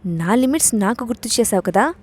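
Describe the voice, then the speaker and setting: A woman's voice: fairly high pitch, animated, brisk, darkish tone, slightly rough, no room sound. A woman reading the part of a domineering young man who mocks and threatens in curt warnings. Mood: sarcastic.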